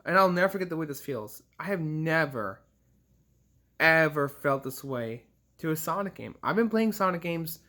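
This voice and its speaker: A young man in his twenties talks straight to his viewers in a rambling, emotional rant, swearing freely and restarting his sentences. His voice sits a little high for a man and has a bright, tense edge. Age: 20s. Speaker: gaming vlogger. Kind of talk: casual rant to camera.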